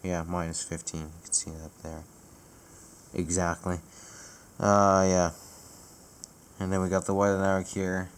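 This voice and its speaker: Deep-voiced casual weather vlogger. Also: male voice, monotone, measured pace, long pauses, slight background noise. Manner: casual and profane, with frequent self-corrections. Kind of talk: casual chat.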